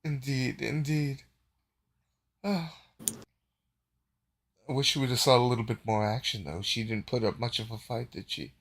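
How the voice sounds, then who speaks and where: A man voicing a teasing, flirty female alien crewmate in a drawn-out sing-song voice. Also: mid-range voice, a bit bright. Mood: playful.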